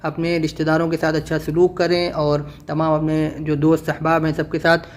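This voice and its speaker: A man teaching Quran reading, spelling out syllables slowly and patiently, then explaining the rules. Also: a little high, completely flat delivery. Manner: slow, drawn-out syllable-by-syllable spelling. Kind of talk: spelling-out recitation lesson.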